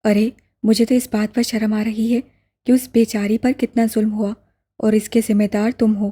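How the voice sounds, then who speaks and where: A woman's voice: a little high, little pitch movement, normal speed, warm tone, husky. A woman voicing a stern middle-aged father who scolds his son sharply. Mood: scolding. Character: stern aging father, angry then softening.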